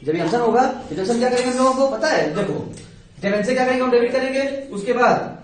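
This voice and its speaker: A man's voice: extremely high pitch, animated, quick pace, crowd noise. A man teaching a commerce class, repeating key terms, quizzing his students and reassuring them. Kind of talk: classroom lecture. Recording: echoey room from far off.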